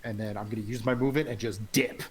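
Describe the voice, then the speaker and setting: A man's voice: mid-range voice, steady tone, fast talker, crowd noise. A man playing a tabletop game, talking casually and hesitantly as he thinks his turn through aloud. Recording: faint hiss behind the voice.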